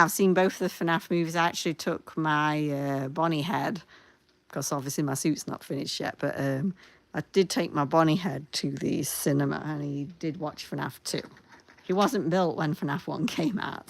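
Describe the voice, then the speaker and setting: A woman's voice: sits low, gravelly, no room sound. A young woman chatting casually on a livestream while she works on a craft project, laughing often. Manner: chatty, laughs often, talks while working with her hands. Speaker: livestreamer making costume pieces.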